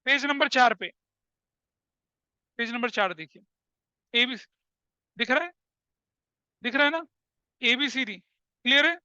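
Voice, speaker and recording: A male teacher in his forties lectures a class in a very high, sharp and smooth voice. He keeps quizzing his students and repeats each point. The recording is dry and slightly lo-fi. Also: slow pace, long pauses, dry recording. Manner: questioning, repeats points, calls students "beta". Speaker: accountancy teacher. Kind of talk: classroom lecture mixing Hindi and English.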